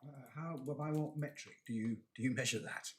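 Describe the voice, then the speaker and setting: A man's voice: medium pitch, fairly quick. Probing male judge, noisy recording. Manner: probing, hesitant restarts. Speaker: appeal judge. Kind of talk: questioning counsel in court. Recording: clearly noisy courtroom audio.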